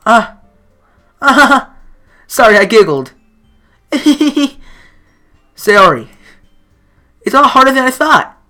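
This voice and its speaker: A man's voice: high-pitched, sing-song, moderate pace, long pauses, sharp tone, faint music behind, pitched above the performer's own voice, heavily acted. A man voicing a bubbly, cheerful teenage girl who giggles and talks eagerly, in a visual-novel game.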